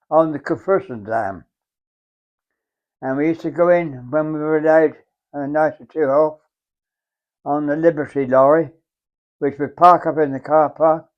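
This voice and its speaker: A very old English man, around a hundred, reminisces as a war veteran. His voice sits a little high for a man, and he talks in a halting, reflective way, circling back over phrases. The recording is somewhat dull and muffled. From England. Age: very old, around 100. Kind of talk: unhurried oral-history reminiscence.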